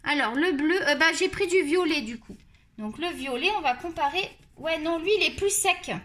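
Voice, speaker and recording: Chatty high-voiced woman with a Marseille accent. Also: expressive, moderate pace, a bit bright. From France. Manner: chatty, rambling, self-mocking. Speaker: coloring channel host. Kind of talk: casual chat while testing art supplies.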